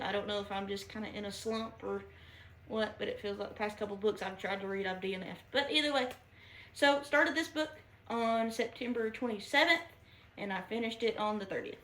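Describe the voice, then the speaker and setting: A woman's voice: mid-range voice, moderate pace, a bit bright, a little hiss or hum. A woman giving a casual book review, chatty and giggly, with lots of fillers and restarts. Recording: echoey room.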